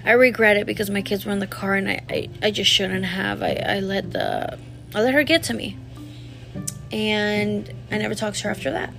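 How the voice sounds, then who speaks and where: A woman's voice: mid-range voice, normal speed, vocal fry, a bit bright, soft background music. A woman in her thirties telling a personal story to camera, candid and rambling, full of "like" fillers and talking straight to her viewers. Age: 30s. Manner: addresses viewers directly. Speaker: vlogger.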